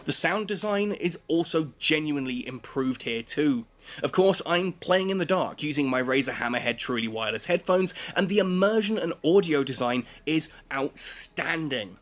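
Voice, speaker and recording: A man's voice: fairly high pitch, expressive, moderate pace, a bit bright. A man narrating a scripted video game review, with emphatic, dramatic phrasing.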